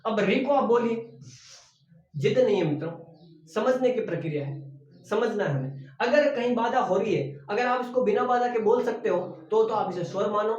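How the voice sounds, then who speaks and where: A man's high, animated voice, darkish in tone and moderate in pace, leads a grammar lesson for exam preparation. He keeps turning key words into questions for the class before answering them. The audio is dull and echoey, with the voice coming from afar.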